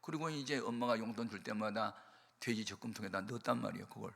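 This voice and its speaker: An older male pastor preaching a sermon, telling a story with emphatic swings from quiet to loud. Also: lowish voice, fast talker, creaky. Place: church or prayer hall. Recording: long hall reverb.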